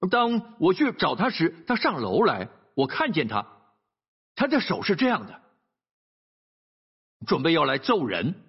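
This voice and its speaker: A male pastor preaching a sermon, telling a story in an animated way and often asking his listeners "right?". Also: on the high side, a little slow, pauses often, husky, muffled recording.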